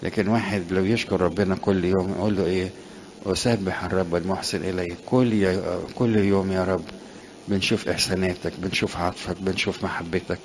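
A man's voice: deep voice, fairly even intonation, quick pace, slight background noise. A man with an Egyptian Arabic accent preaching a sermon, asking questions of his listeners and answering them himself.

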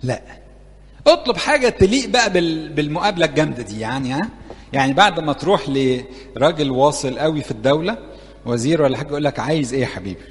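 A man's voice: fairly high pitch, lively intonation, fast. A man with an Egyptian Arabic accent preaching an interactive sermon to young people, chatty and playful, often putting questions to his audience. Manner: conversational, playful, keeps asking the audience questions. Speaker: church preacher teaching youth. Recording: long reverb of a large hall.

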